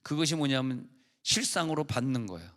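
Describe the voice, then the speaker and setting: A man's voice: mid-range voice, expressive, fairly quick, a bit bright. A man preaching a sermon as pastor at a church revival service, speaking in a conversational way with stories and acted-out quotes.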